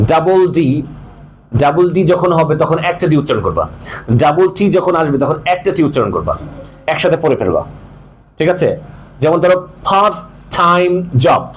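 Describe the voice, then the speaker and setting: A man's voice: a little high, slight background noise. A man teaching English pronunciation to a class, patient and repetitive, often checking that students follow. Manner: patient, repetitive drilling with frequent check-ins.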